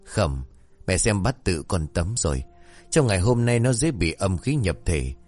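A man voicing a sharp-tongued, bossy stepmother who scolds and lectures her daughter in a folk tale. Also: low voice, big pitch swings, a little slow, faint music behind, full character voice. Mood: scolding.

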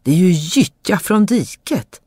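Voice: mid-range voice, animated, darkish tone, slightly rough, no echo, clean studio sound, pitched above the performer's own voice. A storyteller voicing scornful older brothers who sneer mockingly.

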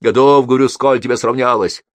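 A man's voice: medium pitch, fairly even intonation, brisk, dry recording, pitched above the performer's own voice, close to an everyday voice. Man voicing a sneering branded convict. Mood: bitter. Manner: mocking, loud, drawling. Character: scornful branded male convict, boastful killer.

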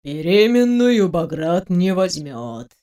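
A woman reading an audiobook, voicing a stern, blunt middle-aged father who speaks slowly and firmly. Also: on the low side, sing-song, dark tone.

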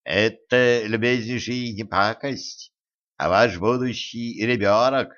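Guy reading a calm careful doctor, slow n hesitant, muffled audio. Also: mid-range voice. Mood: soothing, pondering. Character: calm, tactful, slightly guilty male doctor. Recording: dull lo-fi recording.

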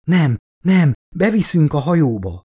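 A man voicing a desperate young woman scientist, with high-pitched cries and pleas in an audiobook. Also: wildly swooping pitch, darkish tone, breathy edge. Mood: pleading.

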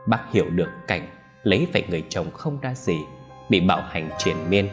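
A man narrating a story in a solemn, scripted storytelling manner. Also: sits low. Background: faint music.

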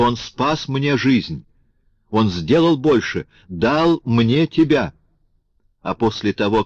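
A man's voice: on the low side, darkish tone, breathy edge, no echo. A man voicing a fervent young man, raised and impassioned. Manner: impassioned, exclaiming, pleading. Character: young man, passionate, grateful, indignant. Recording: dull lo-fi audiobook recording.

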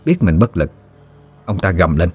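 A man with a Southern Vietnamese accent narrating a scripted horror story in a steady, measured way. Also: deep voice, a little hiss or hum.

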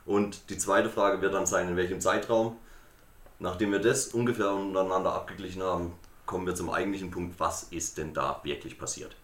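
Male podcast guest and quizmaster, very deep bass, bright edge, casual chat, roomy echo. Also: fairly even intonation, fairly quick. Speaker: podcast guest playing history expert and quizmaster. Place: indoor room at a table. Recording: roomy, echoing room sound.

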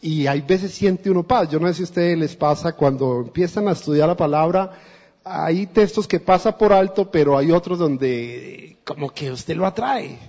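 A man's voice: fairly high pitch, moderate pace, darkish tone. A man with a Colombian accent preaching a sermon as a guest preacher, speaking earnestly and directly to the congregation. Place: church. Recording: dull lo-fi recording in a reverberant church.

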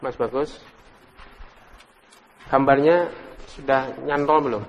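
Reverberant religious teacher drilling students. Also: male voice, medium pitch, muffled recording. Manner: quizzes students by name, praises answers, repeats drill words slowly. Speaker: Islamic teacher leading an Arabic class. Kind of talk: interactive classroom lesson. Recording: reverberant room recording.

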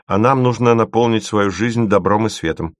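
A man's voice: lowish voice, normal speed, dry recording, studio quality, voice pushed up, close to an everyday voice. A man reading an audiobook voices a thoughtful young girl who leads her team. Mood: earnest. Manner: earnest, thoughtful.

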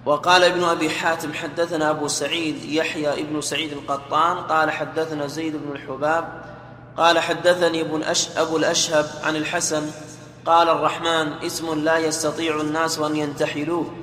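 A man reading a classical text aloud to his teacher in a steady, formal way. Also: fairly high pitch, a little fast. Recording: echoey hall with faint noise.

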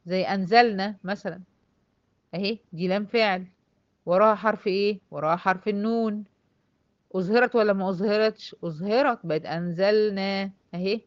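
A woman with an Egyptian Arabic accent teaching a tajweed lesson. She explains step by step, asks and answers her own questions, and slowly draws out the example words. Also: medium pitch, no room sound, highs cut off. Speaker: Quran recitation teacher.

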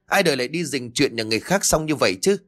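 A man voicing a stout, hot-tempered middle-aged village woman, scolding loudly and fast. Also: medium pitch, lively intonation, faint music behind, pitched above the performer's own voice, natural voice.

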